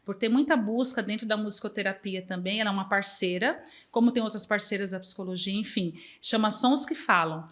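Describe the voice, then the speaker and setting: A woman's voice: mid-range voice, fairly quick, few pauses. A woman from Brazil, chatting as an interview guest about music therapy, sometimes singing and acting out bits of children's songs. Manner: lively, sings and acts out snatches of children's songs. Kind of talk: casual interview chat.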